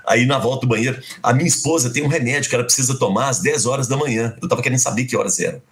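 A man's voice: mid-range voice, very fast. A middle-aged man from Belo Horizonte, telling a personal story in a conversation and acting out the dialogue as he goes. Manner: animated, acts out quoted dialogue. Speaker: guest.

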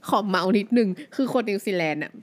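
A woman's voice: mid-range voice, animated, fast. A young woman from Thailand hosting her own podcast, talking casually with lots of fillers and English words mixed in. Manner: chatty, many fillers, mixes English words. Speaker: podcast host. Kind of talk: casual solo podcast talk.

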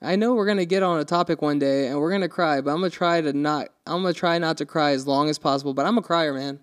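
A man's voice: on the high side, quick pace. A young man co-hosting a podcast, talking in a casual, earnest and emotional way, with lots of restarts. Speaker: podcast co-host. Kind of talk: casual chat.

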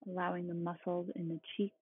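A meditation guide speaking in a calm, meditative tone with a husky, creaky voice. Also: medium pitch, fast talker. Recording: roomy, phone-like thin sound.

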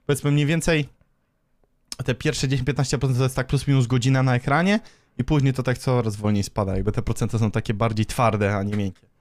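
Male podcast host, mid-pitched voice, casual conversational delivery, dry sound without room echo. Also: steady tone, brisk. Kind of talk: casual tech chat.

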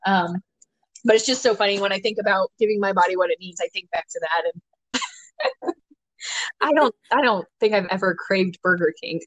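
A woman's voice: medium pitch, lively intonation, moderate pace, long pauses, fairly bright tone, no echo. Chatty laughing woman, dry close sound. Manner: chatty, laughs often, many "you know" fillers. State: ten months postpartum. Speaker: podcast host and doctor. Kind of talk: casual podcast chat.

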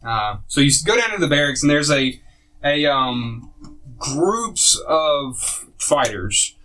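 A man's voice: a little high, big pitch swings, slow pace, pushed and bright, rough recording. A man narrating a tabletop game as game master, casual and rambling, with many fillers and small laughs.

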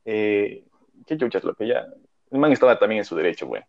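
A man's voice: fairly low pitch, big pitch swings, brisk, creaky, darkish tone. A young man, telling a story in casual chat, rambling and full of slang and fillers. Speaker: podcast co-host. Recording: dull lo-fi audio.

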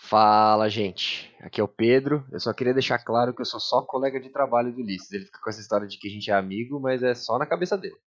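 A man's voice: mid-range voice, fast talker, hardly any pauses, lo-fi sound. A man with a Brazilian Portuguese accent in casual podcast chat, explaining things in slangy everyday speech as a guest musician.

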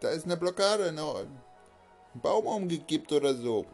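A man voicing a flustered male train driver in a homemade audio story, making hurried excuses. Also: a little high, big pitch swings, darkish tone, soft background music, pitched above the performer's own voice.

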